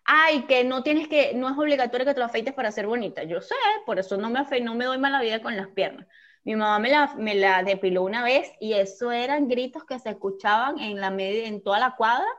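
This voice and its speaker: A woman's voice: a little high, brisk, fairly bright tone. A woman with a Venezuelan Spanish accent, chatting casually and frankly as a co-host with laughing asides. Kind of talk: casual chat. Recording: dull lo-fi recording.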